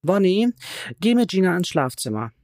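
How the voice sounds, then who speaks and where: A stern father who barks short orders at his son, as a male narrator puts him on. The voice is gravelly and recorded dry on a close studio mic, with no room sound. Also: sits high, big pitch swings, moderate pace, a little mellow, no room sound, pitched above the performer's own voice. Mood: commanding. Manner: curt and commanding. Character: stern gun-owning father, middle-aged man.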